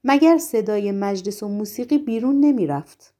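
A woman's voice: medium pitch, expressive, dark tone, natural voice. A woman voicing a curious, bold young woman in a storybook reading, asking eager questions. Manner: inquisitive, wide-eyed.

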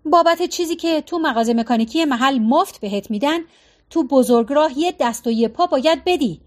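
A woman's voice: sits high, lively intonation. A woman reading aloud as a fussy, stubborn middle-aged husband who grumbles and nags. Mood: grumbling. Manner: complaining, nagging.

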